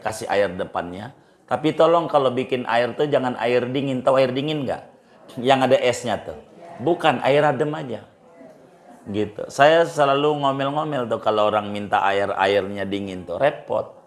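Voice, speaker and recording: A male preacher gives relaxed religious counsel. He talks informally and repeats key phrases for emphasis, his pitch jumping up when he drives a point home. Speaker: Islamic preacher answering questions. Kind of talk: casual religious advice talk.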